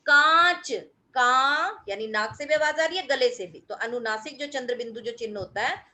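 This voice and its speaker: A middle-aged woman teacher explains a recorded grammar lesson to her pupils in a high, clear voice. She is patient and methodical, stretching out sounds when she demonstrates how they are pronounced. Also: fairly quick, a bit bright. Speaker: school teacher.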